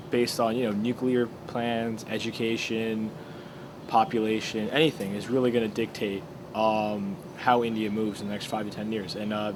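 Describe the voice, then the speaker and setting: A man's voice: fairly low pitch, noisy background. A teenage boy talking casually as a student interviewee, explaining with many fillers and restarts. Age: teens.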